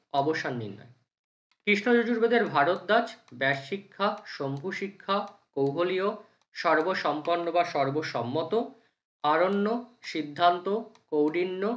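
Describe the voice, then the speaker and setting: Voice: mid-range voice, a bit bright. A teacher leads an exam-prep lecture. The delivery is a rhythmic recitation of terms, with short rhetorical questions answered straight away. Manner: rhythmic listing, asks and answers own questions.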